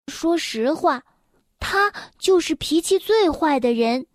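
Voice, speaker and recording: A young woman reading a children's story aloud, gentle and expressive, speaking directly to the children. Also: high voice, takes it slowly, dry recording, clean studio sound.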